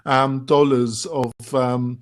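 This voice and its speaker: A man's voice: mid-range voice, level tone, takes it slowly. Sardonic English male host. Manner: sardonic, filler-heavy questioning. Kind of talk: casual panel discussion.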